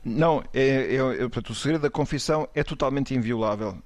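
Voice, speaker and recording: Portuguese priest on a panel, careful and halting, dry close sound. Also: male voice, mid-range voice, no echo. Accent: European Portuguese. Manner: measured, hesitant, restarts often. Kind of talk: panel discussion.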